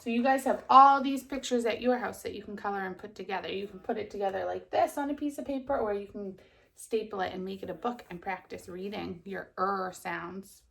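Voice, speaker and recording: Woman, kindergarten teacher voice, marked vocal fry, middling pitch, child-directed read-aloud. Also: fairly quick, fairly bright tone. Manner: kindergarten teacher voice, simple child-directed phrasing with stressed letter sounds. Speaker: preschool teacher. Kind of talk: circle-time lesson and read-aloud story for young children.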